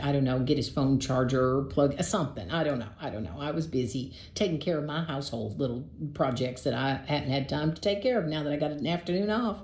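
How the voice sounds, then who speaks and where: A woman with a lowish, mellow voice tells a personal dating story in a chatty, exasperated way, stumbling and restarting as she goes. The recording sounds roomy, with a noticeable echo around her. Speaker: storyteller sharing a dating experience.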